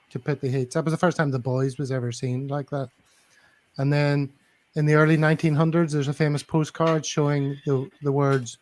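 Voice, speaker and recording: A man's voice: on the high side, darkish tone. A man co-hosting a podcast over a video call, explaining at length and spelling words out letter by letter. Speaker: podcast co-host. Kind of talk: casual podcast chat.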